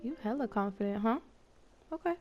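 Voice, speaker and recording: A woman's voice: fairly high pitch, lively intonation, a little fast, highs cut off. Sassy woman streamer reacting. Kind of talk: casual game commentary. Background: game music.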